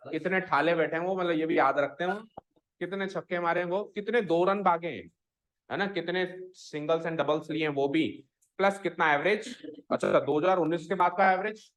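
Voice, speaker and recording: Male maths teacher, slightly high voice, classroom lecture, code-switching English words, coaching pronunciation. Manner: drills students on pronunciation, mixes Hindi with English.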